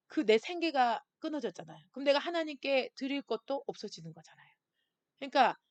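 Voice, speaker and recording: A middle-aged woman pastor preaching a sermon to a youth group, emphatic and expressive, sometimes dropping to a soft near-whisper. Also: sits high, no room sound. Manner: lively and emphatic, acting out voices of worried listeners.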